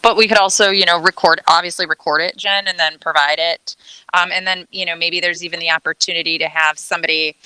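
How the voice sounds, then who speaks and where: A woman's voice: lowish voice, steady tone, quick pace, pushed and bright, clean tone, dry recording, rough recording. A woman on a school board, thinking aloud in a casual meeting discussion with many fillers and restarts.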